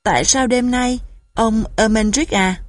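A woman's voice: fairly high pitch, a little slow, dry recording, studio quality, lightly acted. A woman voicing a polite wild goose leader. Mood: surprised. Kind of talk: storybook narration.

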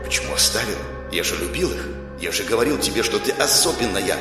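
A man's voice: on the low side, expressive, fairly quick, very echoey, in a large hall, over music. A man narrating voices a vengeful male ghost who whispers bitter, pleading words.

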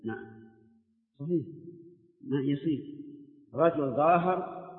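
Older Najdi Arabic man teaching in hall. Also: a little high. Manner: slow, questioning students. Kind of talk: classroom lesson. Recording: tinny old lecture tape in echoey hall.

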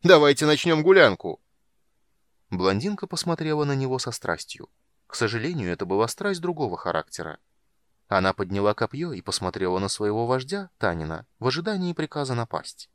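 A man narrating a fantasy audiobook with a lively, dramatic delivery. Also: mid-range voice, brisk, clear, resonant tone, no room sound, studio quality. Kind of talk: expressive fantasy audiobook reading.

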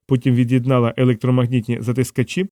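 Reading an audiobook at an even, measured pace, this man has a mid-range voice. There's no room sound, and the quality is studio-grade.

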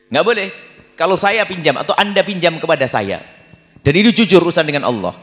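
A man delivers an Islamic sermon in a high, lively voice that leaps up and down in pitch. His words ring out with the long reverb of a large hall. He now and then slips into a low mutter to mimic the people he talks about. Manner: animated, acts out quoted prayers in a low mumbling voice. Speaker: preacher.

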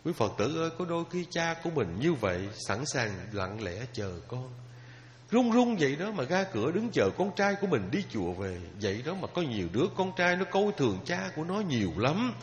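A man's voice: fairly high pitch, very animated. Emotional male monk preaching in a reverberant hall. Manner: emotional storytelling, drawn-out pauses, addresses listeners directly. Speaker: Buddhist monk giving a dharma talk. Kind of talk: sermon with storytelling. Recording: lo-fi recording with long hall reverb, faint noise.

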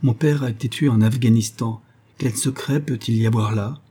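A man with a husky voice voicing a frightened young woman who pleads, in an audiobook reading of a gothic tale. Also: medium pitch, normal speed, dark tone, natural voice. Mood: pleading.

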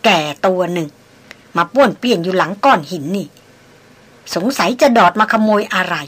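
Brave woman adventurer, read by a woman narrator, calm and resolute, slightly low; audiobook. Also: moderate pace. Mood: teasing. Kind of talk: audiobook character voice.

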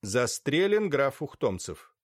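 A courteous baron delivers grave news in measured, slowed phrases, as a man narrating plays him. His voice is lively in pitch and the recording is dry. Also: no room sound. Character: polite aristocratic baron, grave and deliberate.

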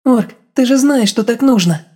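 A woman's voice: on the high side, expressive, moderate pace, a little mellow, husky. A woman voicing an eager, vengeful young female fighter in an audiobook, talking with impatient urgency. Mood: urging. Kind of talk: audiobook character voice.

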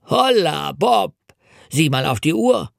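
A cold, calculating old spy mastermind, read by a man speaks in an icy, sly and commanding tone. His voice sits higher than the reader's own. It is recorded dry and close, as in an audiobook studio. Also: big pitch swings, slow, vocal fry, no echo, heavily acted.

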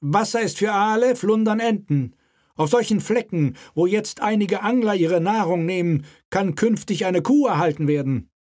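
A male reader voicing an imperious old king who speaks in a sharp, commanding, pompous way. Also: sits high, lively intonation, normal speed, pitched above the performer's own voice. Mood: cutting.

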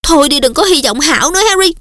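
Woman reading as a worried teen schoolgirl, storybook, high voice, dry close sound. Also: expressive, a little fast, fairly bright tone, no room sound. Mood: upset. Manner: fretful, high-strung, insistent. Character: anxious, worried teenage schoolgirl.

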